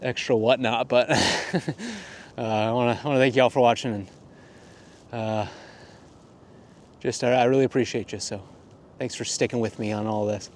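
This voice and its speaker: A landscape photographer walks and talks on a casual vlog outdoors on a cold morning, rambling in a laid-back, self-deprecating way. His medium-pitched voice is steady, moderately paced and full of pauses, while wind buffets the mic.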